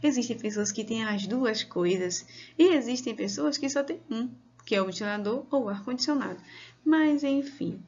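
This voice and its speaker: A woman teacher with a Brazilian Portuguese accent giving a video lesson to children, speaking slowly and patiently and drawing out words. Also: a little high, expressive, darkish tone, lo-fi sound.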